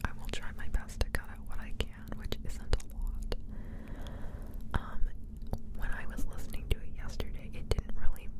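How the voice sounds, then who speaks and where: In this ASMR clip, a woman on an indoor couch whispers close to a binaural mic, her voice a soft unvoiced whisper at a moderate pace. She drifts between ears as she talks in a rambling, unsure, self-deprecating way.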